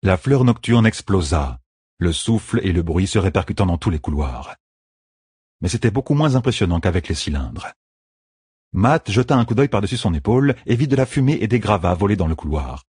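Male narrator, audiobook, very low voice, husky, dry close recording, measured. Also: very animated, darkish tone, no room sound. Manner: slow, measured reading. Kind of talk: scripted narration.

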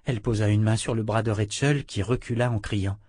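A man reading a novel aloud as narrator, in a steady measured way. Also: on the low side, slightly rough, no room sound. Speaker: audiobook narrator. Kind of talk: scripted narration.

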